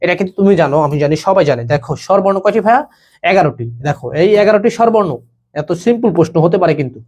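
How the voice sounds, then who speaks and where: A man's voice: high-pitched, lively intonation, darkish tone. A young man teaching a live online admission class, quizzing students and repeating each question and answer. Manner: rapid, repetitive, quizzes students, keeps saying "okay bhaiya".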